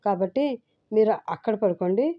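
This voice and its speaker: A woman voicing a sharp-tongued young bride who teases and insults her husband, in a dull, dry recording. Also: medium pitch, normal speed, dry recording, voice pushed up, close to an everyday voice. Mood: teasing. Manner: teasing, cheeky.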